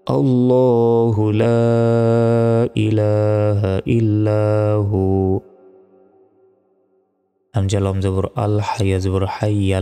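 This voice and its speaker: A man with a Bangladeshi Bengali accent teaching Quran reading, patiently spelling out syllables and then reciting the verses in a drawn-out way. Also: deep voice, dark tone, long reverb tail. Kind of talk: slow spelled-out recitation lesson.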